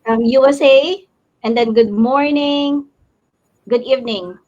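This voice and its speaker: A woman from the Philippines introducing herself as a guest in a live chat, lively and correcting herself as she goes. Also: sits high, measured pace. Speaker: panel guest. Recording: dull lo-fi call audio.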